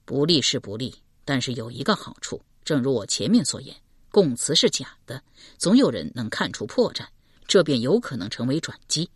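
A woman voicing a calm, scheming male general who explains his plan slowly and carefully. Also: a bass voice, slightly rough, dry recording, studio quality, voice pushed down, heavily acted. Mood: measured, explaining. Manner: slow measured explaining.

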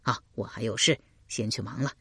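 Du Ying, a quiet, guarded physician read by a woman. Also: a bass voice, steady tone, brisk, creaky, slightly rough, no room sound, studio quality, voice pushed down, full character voice. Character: cautious, soft-spoken male palace physician.

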